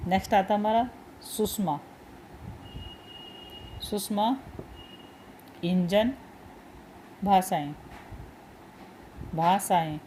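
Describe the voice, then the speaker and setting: A woman's voice: mid-range voice, extremely slow, pauses often, mellow, a little hiss or hum. A woman teaching a Hindi spelling lesson. She says each word, repeats it, and patiently points out which ones are important.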